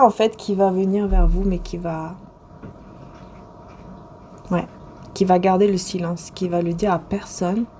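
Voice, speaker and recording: A woman's voice: mid-range voice, dark tone, a little hiss or hum. A woman reading tarot cards to the viewer in a casual, rambling way, with many hesitations and restarts. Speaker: tarot and oracle card reader.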